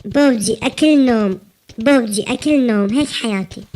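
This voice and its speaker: A man's voice: extremely high pitch, brisk, a little mellow. A man voicing a playful, chatty young woman with a Levantine Arabic accent while gaming. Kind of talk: casual chat while gaming.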